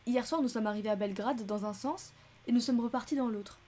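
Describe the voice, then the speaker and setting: Woman doing a fussy older American lady, shrill, breathless, fretful, audiobook character. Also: brisk, warm tone, close to an everyday voice. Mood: chattering. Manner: shrill, breathless and tearful complaining.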